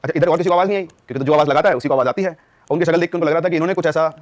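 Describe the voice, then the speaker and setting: Young guy rattling off a ghost story really fast, kinda high voice, does all the characters' lines himself. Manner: acts out quoted dialogue in changing voices. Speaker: podcast guest telling a ghost story. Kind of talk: animated storytelling.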